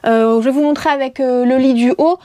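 Woman in her 30s showing off her van, chatty, jokey, a bit high, dry close sound. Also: steady tone, a little fast, dark tone, no echo. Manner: chatty, joking, many hesitations. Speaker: vlog host. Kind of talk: casual show-and-tell. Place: small wood-lined van interior.

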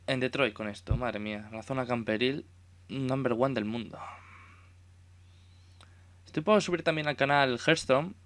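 Bright-voiced Spanish gaming commentator. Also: male voice, medium pitch, measured pace, pauses often. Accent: Spain Spanish. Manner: swearing, exclamatory, self-mocking. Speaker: gaming YouTuber. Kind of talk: casual gameplay commentary.

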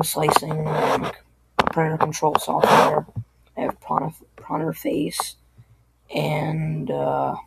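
Hoarse sick voice, gravelly fry, halting casual tutorial talk, noisy recording. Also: mid-range voice. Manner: halting, apologetic, loses train of thought. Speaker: tech tutorial host.

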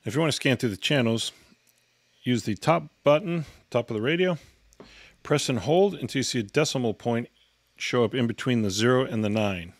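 With no room sound, a man of medium pitch and moderate pace leads an instructional product walkthrough. As a reviewer and demonstrator, he sticks to a matter-of-fact, step-by-step delivery.

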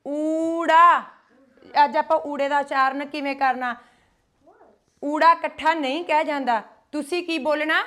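A woman teaching a children's Punjabi class, calling out words slowly and loudly for the children to repeat. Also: high-pitched, fairly even intonation. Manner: slow, loud, drawn-out syllables for children to repeat. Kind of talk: call-and-response class teaching. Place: gurdwara classroom.

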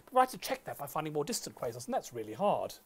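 Speaking very fast in a husky, fairly high voice with wide swings in pitch, a middle-aged man teaches astronomy conversationally. He walks through the ideas one step at a time within a two-person exchange.

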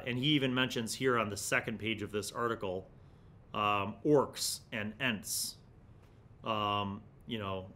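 A middle-aged host with a lowish, fairly bright voice reads aloud from a gaming magazine article and adds casual, musing commentary for his review series. He sits in a small indoor studio set with shelves, speaking into a condenser mic on the desk in front of him.

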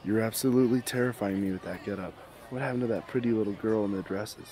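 Suave, low-voiced Finnick Odair, played by a man. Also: fast, dark tone, a little hiss or hum, natural voice. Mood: teasing, suave. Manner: suave, teasing, insinuating. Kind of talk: amateur radio drama acting.

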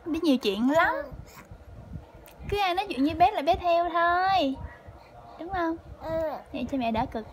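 A woman, a mother chatting to her baby at home in slow, high sing-song baby talk with frequent laughter. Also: lively intonation, slight background noise.

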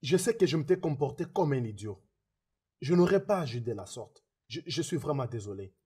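A man's voice: medium pitch, expressive, brisk, darkish tone, husky. A man dubbing a remorseful man who begs forgiveness, repeating his apologies and swearing oaths, in a French film dub. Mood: pleading.

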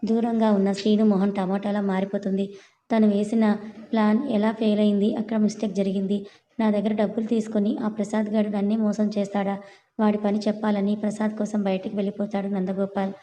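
A woman storyteller reading a serialized story in a steady, even narration. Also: mid-range voice, brisk, slight background noise, rough recording.

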